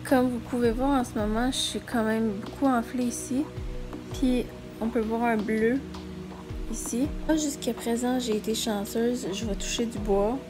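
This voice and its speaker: A woman's voice: on the high side, fairly even intonation, moderate pace, over music. A woman with a Quebec French accent talking casually and candidly to her vlog viewers. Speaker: vlogger.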